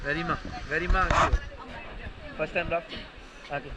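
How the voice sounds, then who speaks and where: A man's voice: fairly high pitch, fairly even intonation, normal speed, very noisy. A man casually putting short questions to guests on a river raft and repeating their answers back. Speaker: rafting guide interviewing the group. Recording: outdoor audio with loud water and people.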